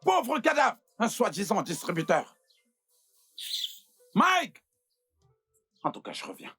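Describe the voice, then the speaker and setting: An actor dubbing a sharp-tongued male doctor who scolds and mocks an intruder, threatening to throw him among the corpses. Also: very high-pitched, very animated, fairly quick, soft background music, exaggerated voice. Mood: scolding. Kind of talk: dubbed film acting.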